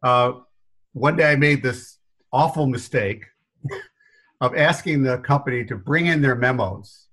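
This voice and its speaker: A man's voice: medium pitch, measured pace, pauses often, a bit bright. A middle-aged man from New York with a faded New York accent, telling stories as a podcast interview guest, laughing often and punching up his asides. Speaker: guest, business consultant.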